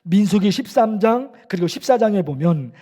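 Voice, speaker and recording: A middle-aged male pastor preaching to his congregation, swinging between emphatic lines and hushed ones and repeating phrases for emphasis. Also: sits high, lively intonation, normal speed. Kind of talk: sermon. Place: church sanctuary.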